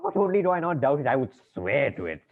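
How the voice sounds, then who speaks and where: In a comic stage play, an actor portrays a fussy, exasperated male bank manager who stammers politely, over-courteous but turning frantic as his patience frays and his mood goes strained. His mid-range voice is sing-song and quick, and the tinny, band-limited audio carries faint noise.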